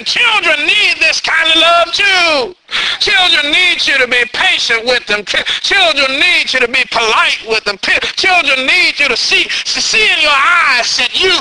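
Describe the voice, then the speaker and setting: A man pastor preaching a sermon at a pulpit microphone, repeating calls to the congregation and building to shouted peaks before a prayer. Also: extremely high pitch, slight background noise, low-quality recording.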